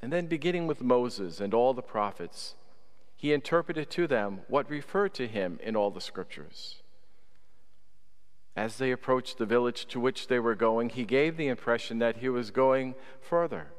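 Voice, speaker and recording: A priest reading the Gospel at Mass in a measured, solemn way, with cathedral echo around his voice. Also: mid-range voice, expressive. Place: large church. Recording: long cathedral reverb.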